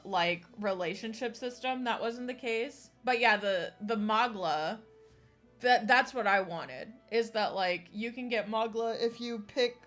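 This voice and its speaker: A woman's voice: a little high, a bit bright. A woman streamer giving casual, chatty commentary while playing, with frequent fillers and casual swearing.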